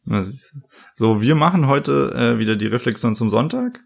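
A young man hosting a podcast in a relaxed, loose way, with lots of fillers and restarts. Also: medium pitch, normal speed, gravelly. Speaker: podcast host. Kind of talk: casual chat.

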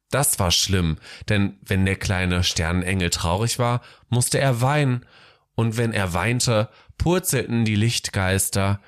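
Man reading a bedtime story, gentle, measured, low voice. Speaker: narrator. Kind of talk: storybook narration.

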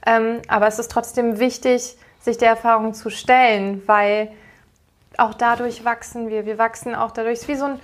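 A woman's voice: a little high, steady tone, moderate pace, a little hiss or hum. A woman in her thirties, a yoga teacher giving a podcast interview, talking in a friendly, rambling way with many fillers.

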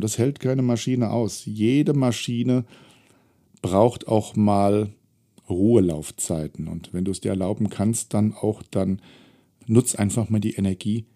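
Low, mellow-voiced middle-aged man. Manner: candid, reflective, wry. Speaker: self-employed trainer. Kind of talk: personal storytelling talk.

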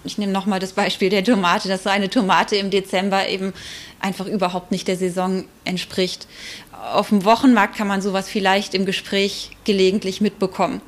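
Thoughtful and frequently hesitant, a woman pauses often while offering informal expert answers in an interview. Her voice is medium in pitch and level in tone.

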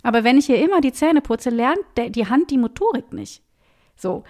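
A woman who teaches singing, chatting on a podcast in a lively way, often acting out short dialogues with her students. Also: on the high side, moderate pace. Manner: animated, acts out little dialogues in voices. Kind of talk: casual podcast conversation. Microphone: podcast microphone.

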